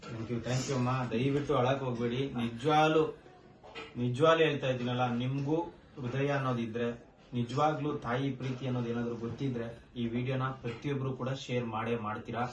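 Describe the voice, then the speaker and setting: A man's voice: medium pitch, steady tone, brisk, slight background noise. A man from Karnataka hosting a social-work video, making an urgent, emotional appeal to viewers. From Karnataka, India. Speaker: social worker and video host. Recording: roomy, distant mic with faint ambience.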